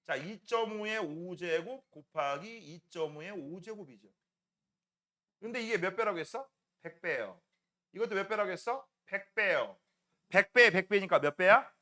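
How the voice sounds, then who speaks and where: A male science teacher lectures middle schoolers, constantly quizzing them with quick check-in questions. His high, bright voice is expressive, its pitch jumping animatedly between loud calls and quieter asides.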